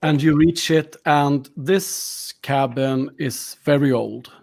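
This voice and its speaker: A man's voice: a little high, slow pace, creaky, darkish tone, a little hiss or hum. A man with Swedish as his first language narrating a tabletop horror game as game master, rambling and searching for words.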